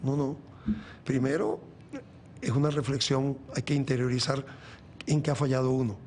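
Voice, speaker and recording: A man's voice: mid-range voice, moderate pace, a little mellow, slight background noise. A Venezuelan man in his sixties, a guest in an interview, talking earnestly about faith, rambling with many restarts. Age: 60s. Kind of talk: reflective faith talk in an interview.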